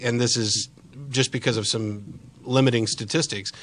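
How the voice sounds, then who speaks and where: A man's voice: medium pitch, steady tone, moderate pace, a bit bright, a little hiss or hum. A man hosting a live call-in debate, speaking in a blunt, insistent and argumentative way. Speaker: call-in show host.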